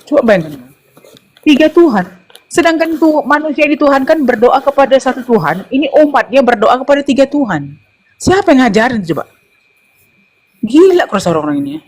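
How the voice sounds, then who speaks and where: A man in a heated group talk, mocking the other side and shouting insults. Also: very high-pitched, sing-song, fairly quick.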